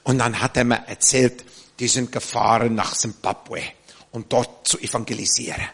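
A man from South Africa preaching a sermon in an animated, warm-hearted way, often checking in with his listeners. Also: mid-range voice, normal speed, creaky, husky.

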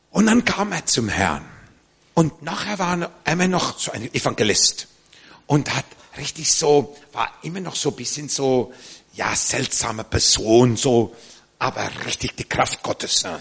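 Gravelly, animated preacher man from South Africa. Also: medium pitch. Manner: animated, warm-hearted preaching with frequent "ne?" asides. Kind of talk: sermon.

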